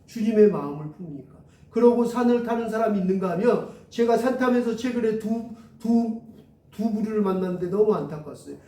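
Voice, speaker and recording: A male pastor telling an animated story in a sermon, acting out the voices of the people he met. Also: high-pitched, fairly quick. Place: church hall. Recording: roomy echo, mic at a distance.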